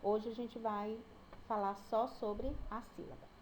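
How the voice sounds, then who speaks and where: A woman's voice: fairly high pitch, flat delivery, measured pace, darkish tone, slight background noise, rough recording. A woman teacher with a Brazilian accent giving a recorded online lesson, patiently sounding out each syllable. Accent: Brazilian Portuguese.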